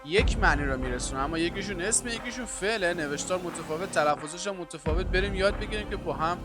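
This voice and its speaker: A man's voice: high voice, over music. Upbeat man teaching English with a Persian accent. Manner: lively, upbeat teaching with stretched English examples. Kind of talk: online language lesson.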